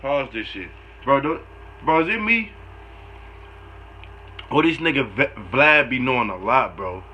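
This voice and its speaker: A man's voice: medium pitch, expressive, measured pace, long pauses, sharp tone. A man reacting casually in profane street slang, incredulous and repeating himself as he comments. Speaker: reaction video host. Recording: dull lo-fi audio with clear noise.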